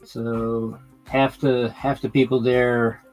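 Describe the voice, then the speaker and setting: A man live streams his hobby, working on a model layout while he talks casually and haltingly, full of fillers and restarts. His medium-pitched voice is level and a little mellow. Faint music plays behind him, and the audio quality is poor.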